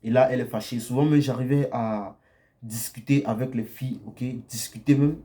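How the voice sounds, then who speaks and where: A young man speaks in a dark, mellow voice at an average pitch. He gives dating advice in a casual, blunt monologue, repeating his key phrases and often checking in with a quick "ok?". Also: steady tone. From Côte d'Ivoire. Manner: frequent tag "ok?" and repetitions, direct and blunt.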